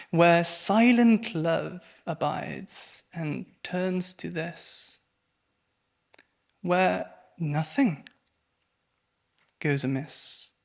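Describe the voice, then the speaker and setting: A young man, a postgraduate student, reading his poem very deliberately, his voice trailing away almost to nothing at line ends. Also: high voice, creaky. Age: young adult. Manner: very slow, deliberate reading that trails off to near silence. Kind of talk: poetry recitation.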